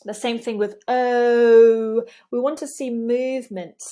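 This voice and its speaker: Woman pronunciation coach, unhurried, patient, models sounds by drawing out repeated words. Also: a little high, steady tone, mellow. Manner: demonstrates sounds by repeating words with exaggerated mouth movement; patient, explanatory. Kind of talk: pronunciation lesson.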